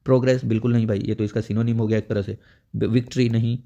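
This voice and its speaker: A man's voice: on the low side, little pitch movement, quick pace, creaky, warm tone, muffled recording. A man teaching an exam prep grammar lesson, explaining step by step and checking in often. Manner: explains step by step with frequent "theek hai" check-ins.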